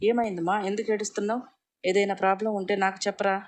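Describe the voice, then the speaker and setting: A woman's voice: mid-range voice, little pitch movement, fast, lightly acted. A woman doing a tender devoted young husband. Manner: gentle, pleading.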